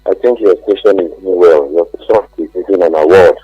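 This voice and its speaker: Man, radio caller, husky, low-pitched, dry sound, faint music behind. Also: dry recording, highs cut off. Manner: earnest, halting. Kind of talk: call-in comment.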